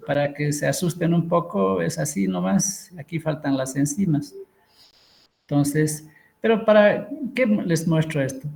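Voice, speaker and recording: A middle-aged man, giving an online lecture and explaining with pauses and fillers. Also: on the high side. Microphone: computer mic on a video call.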